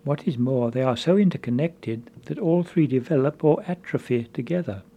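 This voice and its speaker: A man giving a measured, earnest spiritual conference talk as a preacher. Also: mid-range voice, dark tone.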